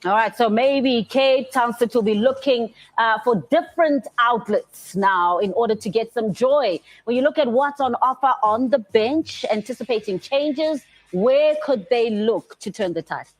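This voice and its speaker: A woman's voice: fairly high pitch, moderate pace, few pauses, low-quality recording. A woman presenting live football coverage from a studio as host.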